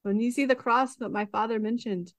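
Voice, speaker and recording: A woman's voice: a little high, fairly even intonation, fairly quick, dry recording, rough recording. A woman co-hosting a casual podcast, reading old text passages aloud and adding dry asides. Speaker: podcast co-host reading the story.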